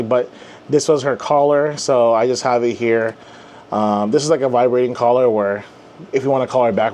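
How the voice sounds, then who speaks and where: A man's voice: mid-range voice, darkish tone. A young man giving a casual desk tour in a chatty, rambling way with lots of fillers. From Filipino heritage. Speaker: comic channel host.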